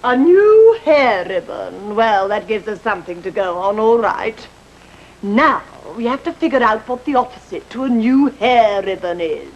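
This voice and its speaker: Haughty, swooping high-voiced scheming stepmother. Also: lively intonation, unhurried, highs cut off. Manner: theatrical, condescending, falsely sweet. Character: scheming, haughty middle-aged stepmother in a fairy tale. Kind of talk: comic fairy-tale television acting.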